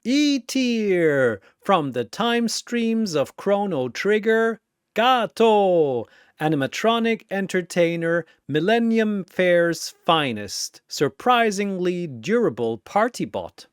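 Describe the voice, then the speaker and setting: With big swings in pitch and a slow pace, a narrator and arena announcer theatrically delivers scripted battle storytelling, alternating booming announcements with hushed moments. The tone is clear and resonant, in an echo-free studio recording.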